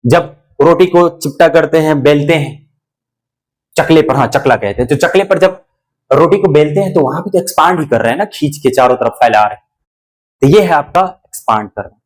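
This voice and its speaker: High-voiced teacher explaining word pairs. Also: male voice, moderate pace. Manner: explains patiently, repeats words many times, asks the viewer questions; switches between English and Hindi. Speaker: English teacher. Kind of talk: spoken English lesson.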